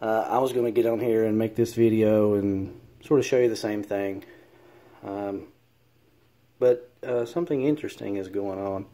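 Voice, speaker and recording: A man's voice: on the low side, normal speed, warm tone. A man with a Southern US accent talking casually to camera, hesitant and earnest with many ums and uhs.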